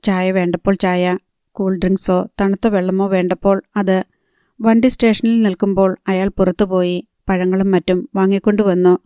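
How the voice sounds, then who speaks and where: A woman narrating a novel in a measured, steady reading. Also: medium pitch, clean tone, dry recording, clean studio sound. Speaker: audiobook narrator. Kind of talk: scripted narration.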